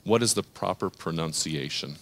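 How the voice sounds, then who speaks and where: A man with a very low, deep voice hosts an interview on a theater stage. He speaks in a measured, announcer-like way, guiding his guests through questions. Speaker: moderator.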